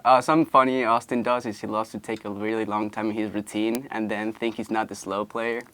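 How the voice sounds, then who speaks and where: Easygoing young man, lowish voice. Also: flat delivery, brisk, fairly bright tone. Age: young adult. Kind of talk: casual interview comment.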